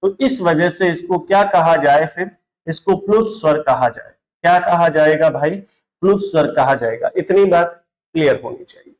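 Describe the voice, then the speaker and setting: A man with a high voice teaches Hindi grammar in a lively online class. He keeps asking his students questions and answering them himself. He calls them brother and mixes English words into his Hindi. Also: moderate pace, poor audio. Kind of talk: classroom-style online lesson.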